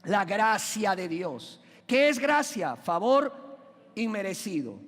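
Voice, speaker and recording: High-voiced preacher in a reverberant church. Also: male voice, sing-song, a bit bright. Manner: questions the congregation and asks them to call out answers; emphatic, drawn-out stresses on key words. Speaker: pastor. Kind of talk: preaching a sermon. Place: church sanctuary. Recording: long hall reverb in a church.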